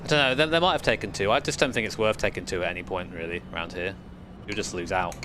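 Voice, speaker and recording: A man's voice: low voice, fast talker. A man chatting casually on a livestream headset mic while sim racing indoors, rambling and swearing now and then. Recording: loud car engine noise behind.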